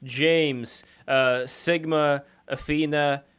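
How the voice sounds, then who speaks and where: Male stream host, slightly high, smooth tone, hesitant casual delivery. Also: steady tone, fairly bright tone. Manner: hesitant, halting with many fillers. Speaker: podcast host. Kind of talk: casual live-stream chat.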